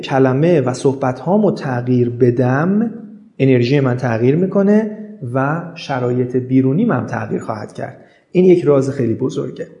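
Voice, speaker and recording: A man's voice: on the high side, warm tone, reverberant. A man giving a self-help talk, speaking earnestly and repeating phrases in rhythmic lists. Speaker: motivational speaker.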